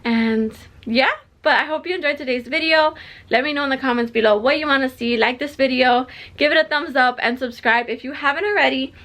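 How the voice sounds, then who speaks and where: A young woman vlogging casually from her bedroom, chatty and excited, out of breath. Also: sits high, brisk. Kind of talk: casual vlog chat to camera. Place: bedroom at home.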